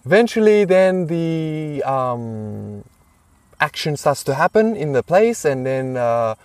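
A man's voice: fairly high pitch, very animated, slow, darkish tone, dry recording, distant mic. A man, the guest, telling a rambling personal story in casual talk, swearing freely and using many fillers.

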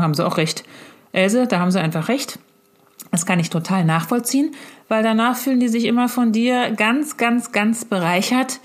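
A middle-aged woman, a mother, talking into a handheld phone to her grown daughter in a casual, effusive and rambling video message. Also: a little high.

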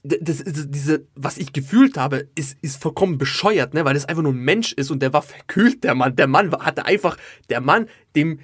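A man in his twenties telling a comic story in an animated, slangy way, packed with filler tags. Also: fairly high pitch, normal speed, hardly any pauses, slightly rough, no echo, clean studio sound. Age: 20s. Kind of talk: comedic storytelling to an audience.

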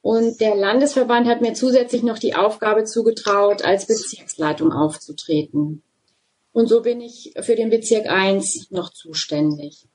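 A woman's voice: medium pitch, measured pace, a little mellow. Fluent woman in her forties. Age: 40s. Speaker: regional group leader. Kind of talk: podcast interview answers.

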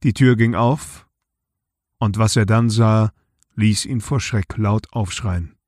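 A man co-hosting a podcast, reading a short story aloud in a measured, unhurried way. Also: fairly low pitch, steady tone, a little mellow, dry recording, studio quality. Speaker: podcast co-host.

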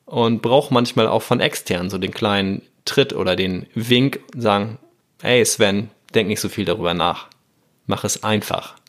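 A man hosting a motivational self-help podcast, talking earnestly and directly to the listener. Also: fairly low pitch. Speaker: podcast host.

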